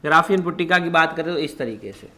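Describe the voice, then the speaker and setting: This biology lecture comes from a man who talks fast, with a fairly high pitch and a bright, forceful tone. He keeps firing questions at his students and fondly addresses them as "child."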